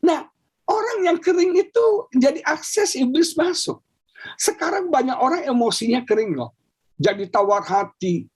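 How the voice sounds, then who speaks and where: A male pastor preaching a lively sermon over a video call, often asking the congregation whether they agree. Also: very high-pitched, a little slow.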